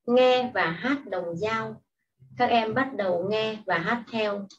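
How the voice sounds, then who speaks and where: A woman teacher giving patient, step-by-step instructions in a slow classroom style. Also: on the high side. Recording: distant, muffled mic with faint hiss.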